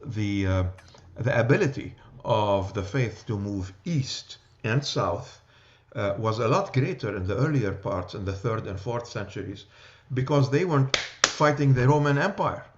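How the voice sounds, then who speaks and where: A man's voice: medium pitch, expressive, unhurried, hardly any pauses, dull audio, a little hiss or hum. A man with a New York accent teaching an adult church class, talking loosely and checking in with "okay?" and "right?". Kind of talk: church class lecture with discussion.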